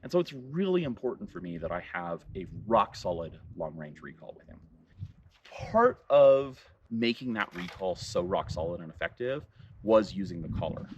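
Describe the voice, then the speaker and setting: Relaxed man explaining dog training. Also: far from the mic, a little hiss or hum. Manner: relaxed explaining, bursts of high praise to the dog. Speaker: ranch owner training his dog. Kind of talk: casual vlog narration and dog commands. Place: outdoors on a ranch.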